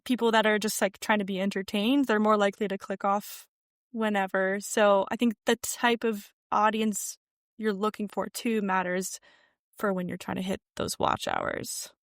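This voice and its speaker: A chatty young woman talking over a video call from her yarn-filled room. Her voice sits at an ordinary middle pitch, and the sound is dry and close. She peppers her talk with "like" and leans hard into the words she wants to stress. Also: moderate pace, dry recording. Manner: chatty, many "like" fillers, animated emphasis. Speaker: podcast guest, sewing content creator. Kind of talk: casual interview chat. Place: home room with yarn shelves.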